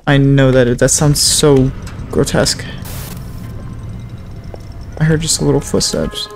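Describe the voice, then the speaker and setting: A man's voice: mid-range voice, steady tone, measured pace, gravelly, soft background music. A man giving casual gameplay commentary, reacting and talking aloud to the game as host. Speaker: gaming video host.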